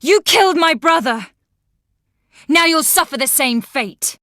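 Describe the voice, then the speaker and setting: Fierce, sharp-voiced avenging young woman. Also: sits high, animated, unhurried, dry recording, studio quality, exaggerated voice. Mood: vengeful fury.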